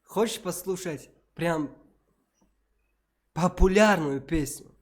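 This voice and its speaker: High-voiced man with a Tajik accent. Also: slow pace. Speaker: street-style singer chatting with strangers on video chat. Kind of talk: casual chat.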